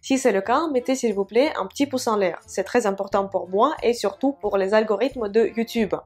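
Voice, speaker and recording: A woman with Russian as her first language, teaching a lesson in French and repeating example words slowly and carefully. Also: medium pitch, husky, faint music behind.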